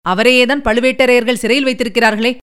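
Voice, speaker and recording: A woman's voice: on the high side, fairly even intonation, quick pace, fairly bright tone, smooth, lightly acted. A woman voicing a fiery, impatient young male army commander, speaking in heated, urgent questions.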